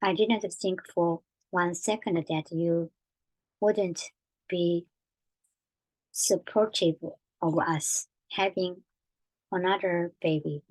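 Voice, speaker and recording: An actress in her forties playing a loving, anxious mother who talks softly and haltingly, repeating her words. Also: on the low side, fairly even intonation, rough recording. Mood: tender. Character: tender, anxious mother of a teenage daughter. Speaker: mother in a family drama. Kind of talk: television drama acting.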